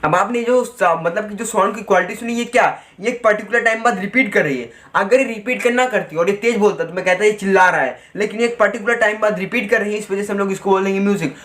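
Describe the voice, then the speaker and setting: A man teaching a physics lesson online, chatting with students and reading textbook lines out slowly. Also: high voice, fairly bright tone. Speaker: physics tutor.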